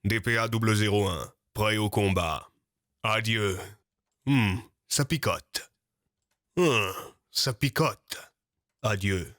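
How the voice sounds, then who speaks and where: A man's voice: fairly low pitch, slow, pauses often, fairly bright tone, no room sound, clean studio sound, pitched below the performer's own voice. A man voicing an imperious, authoritarian spy chief for a card game, delivering clipped commands. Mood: commanding. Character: imperious male spy chief, ex-intelligence agent.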